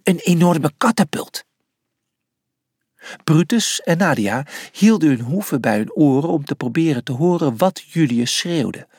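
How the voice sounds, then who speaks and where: Husky slow storyteller reading a kids book, bouncy delivery, dry close sound. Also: mid-range voice, animated, darkish tone, no room sound. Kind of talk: storybook narration.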